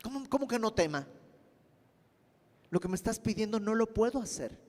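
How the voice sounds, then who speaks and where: A man's voice: high voice, expressive, moderate pace, a little mellow, pitched above the performer's own voice. A man acting out a desperate father who pleads urgently, his voice rising with each question. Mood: pleading. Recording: long hall reverb.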